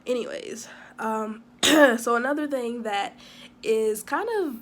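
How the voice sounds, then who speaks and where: A young woman chatting casually to camera in a vlog, talking quickly with lots of fillers and asides. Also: a little high, fairly bright tone. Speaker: vlogger living abroad.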